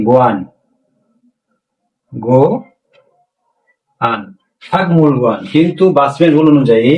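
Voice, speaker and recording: A man teaching a language class, asking rhetorical questions and slowly repeating words for learners. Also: on the high side, darkish tone. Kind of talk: classroom-style language lesson. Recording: echoey room, voice a bit far from mic.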